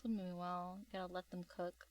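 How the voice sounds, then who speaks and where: A woman chatting casually on a livestream in a cute, gushing anime-streamer way, with slangy, expressive exclamations. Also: fairly low pitch, brisk, no room sound. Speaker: VTuber artist and livestreamer.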